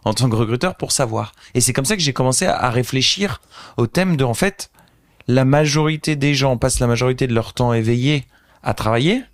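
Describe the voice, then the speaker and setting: This thirtysomething founder from northern France speaks in a mid-range voice, a little fast, sharing his story with earnest thought during a casual podcast interview. The studio-quality recording has no room sound.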